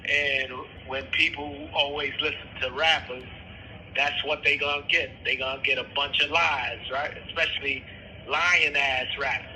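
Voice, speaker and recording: A man on a prison phone call, talking calmly and firmly in street slang. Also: on the high side, moderate pace. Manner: calm, firm denials, street slang. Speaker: inmate caller. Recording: phone call with faint noise.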